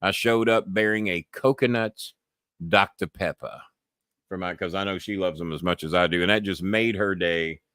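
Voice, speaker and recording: A man's voice: low-pitched, moderate pace, a bit bright, no room sound, clean studio sound. A middle-aged American man hosting a live-stream show, rambling bluntly and cursing freely in a casual monologue. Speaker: podcast host.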